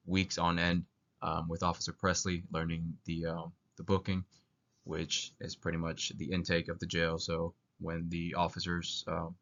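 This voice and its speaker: A young man with a low, fairly flat voice presents haltingly through a bout of flu. He sounds like a student working through a prepared talk. The recording is dull and lo-fi. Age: young adult. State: sick with flu, coughing now and then. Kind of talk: narrated presentation.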